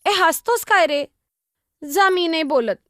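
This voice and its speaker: एका स्त्रीने साकारलेली लहानगी मुक्ताई, अवखळ, गप्पिष्ट, खूप उंच आवाज, एकपात्री नाटक. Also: female voice, extremely high pitch, expressive, measured pace, no echo, clean studio sound. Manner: chatty, teasing, innocent, exclamatory. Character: young girl, Muktai, lively younger sister. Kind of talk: solo stage monologue.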